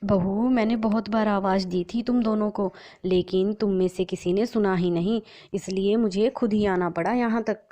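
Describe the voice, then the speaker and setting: A woman's voice: mid-range voice, steady tone, normal speed, natural voice. A woman voicing a blind elderly mother-in-law who calls out plaintively in a storybook narration. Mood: suspicious. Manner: calling out loudly, plaintive.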